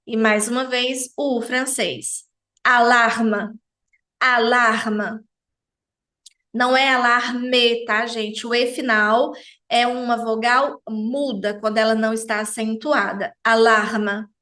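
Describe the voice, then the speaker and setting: A woman with a high voice teaches a pronunciation lesson at an unhurried pace. She articulates every word with care and repeats it so learners can copy her. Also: flat delivery, a bit bright. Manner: articulates each French word slowly and repeats it. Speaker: French teacher.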